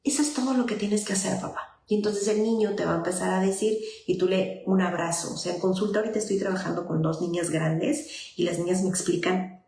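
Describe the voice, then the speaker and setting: A woman speaks as a child psychologist, explaining things patiently to parents in an informal live talk. She slips into short, gentle dialogues of a parent speaking with a child. Her voice carries a noticeable echo from the room. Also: medium pitch, steady tone, a little fast.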